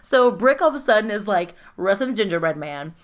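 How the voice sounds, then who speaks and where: A woman in casual chat, recapping a film with profane, animated storytelling and frequent laughter. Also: mid-range voice, a little fast. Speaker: podcast co-host recapping a film.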